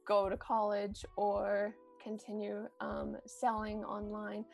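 Kiwi woman guest, 30s, vocal fry, talks through a lot of fillers, faint music under. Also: mid-range voice, monotone, takes it slowly, a little mellow. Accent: New Zealand. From New Zealand. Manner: chatty, many ums, laughs often. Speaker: vintage shop owner, guest. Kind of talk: casual interview.

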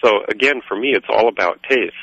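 A very low-pitched man from Guatemala talks in a halting, rambling way full of fillers. His tone is forceful and bright. The dry, dull radio recording has a lo-fi edge. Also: husky. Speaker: coffee roaster, guest. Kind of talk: radio interview.

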